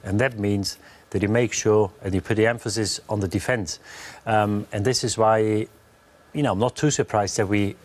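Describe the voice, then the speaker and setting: A man's voice: on the low side, fairly even intonation, moderate pace. A man giving post-match football analysis as a pundit, thinking aloud with many fillers and restarts.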